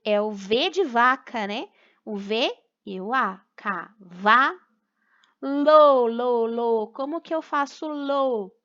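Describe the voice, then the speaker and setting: A woman's voice: a little high, expressive, slow, fairly bright tone, muffled recording. A young woman teacher with a Brazilian Portuguese accent, patiently sounding out syllables for young children in a recorded remote class. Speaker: primary school teacher.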